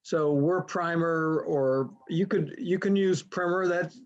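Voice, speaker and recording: A man's voice: on the high side, slow pace. A man moderating a program on a video call, easygoing and hesitant, with many fillers. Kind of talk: casual chat on a video call. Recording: dull lo-fi video call audio.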